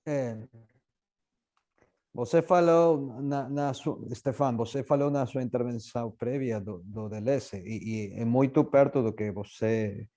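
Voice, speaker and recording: Spanish-speaker guy chairing a panel, mellow dark voice, hesitant, mixes his languages. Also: mid-range voice, measured pace. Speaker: panel moderator. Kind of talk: informal moderating of an academic panel.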